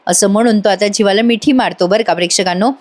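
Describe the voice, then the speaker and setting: A woman's voice: medium pitch, fairly even intonation, quick pace, a little mellow. A woman narrating a voice-over recap of a TV serial, chatting directly with her viewers. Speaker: TV serial reviewer.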